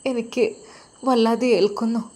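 A woman's voice: a little high, flat delivery, moderate pace, mellow, close to an everyday voice. A woman voicing a young mother left alone at night with her baby, speaking in a sorrowful, pleading monologue. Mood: lamenting.

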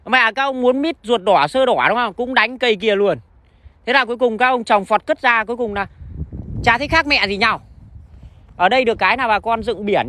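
A man's voice: sits high, sharp tone, a little hiss or hum. A man giving blunt, casual commentary on a walk through an outdoor plant nursery, swearing and joking as he talks. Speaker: vlogger touring a fruit tree nursery.

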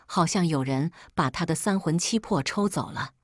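A woman reads a first-person melodrama aloud in a cool, bitter tone. Her voice sits low with a husky grain. The sound is close and dry, with no room around it. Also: normal speed, no room sound. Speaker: story narrator. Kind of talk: first-person audiobook narration.

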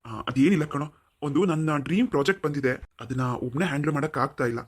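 A man's voice: a little high, quick pace, close to an everyday voice. An actor playing a wealthy middle-aged father who owns a company, affectionate but insistent. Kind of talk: cartoon voice acting.

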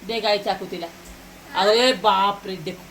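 A young woman from Maharashtra, a mother talking in a casual family vlog, animated, often repeating words in quick calls. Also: medium pitch, slight background noise. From Maharashtra, India. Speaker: vlogger and mother.

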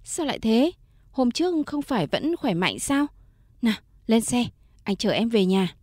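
A woman voicing a caring, successful man who speaks softly and reassuringly in a storybook reading. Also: on the high side, sing-song, moderate pace, dry recording, clean studio sound. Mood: urgent.

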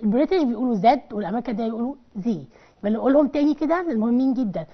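A woman with an Egyptian accent teaching English on a televised lesson, patiently drilling words by repeating them slowly. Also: on the high side. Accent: Egyptian Arabic. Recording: dull lo-fi TV broadcast recording.

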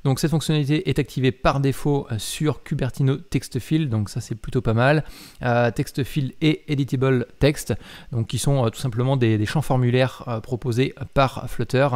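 A man, a mobile app developer, talking casually about a software update, hesitant with many filler sounds and self-corrections as he reads and comments. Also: medium pitch, steady tone, normal speed. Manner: reads aloud while commenting. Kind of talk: casual explanatory talk.

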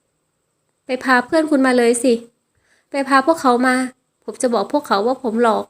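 A timid young man, scared and close to tears, pleading slow and meek, as a woman reads him in a high voice. a storybook romance reading with its dialogue read out by one narrator. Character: slight young man, frightened and tearful.

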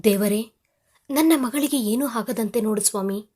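Weeping frightened mother, read by a woman, storybook role, breathy high voice. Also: moderate pace, warm tone. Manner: weeping, begging.

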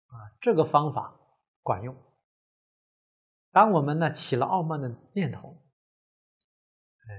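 A man giving a measured Buddhist dharma lecture, drawing out his phrases and filling pauses with many drawn "ah" sounds. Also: mid-range voice, breathy edge, lo-fi sound.

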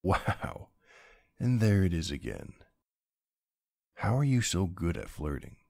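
A man's voice: sits low, big pitch swings, a little slow, gravelly, warm tone, no room sound, clean studio sound, heavily acted. A man playing a young streamer boyfriend in a role-play, chatting casually in a playful, teasing, easily flustered and affectionate way. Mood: flustered, defensive. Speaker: roleplay voice actor.

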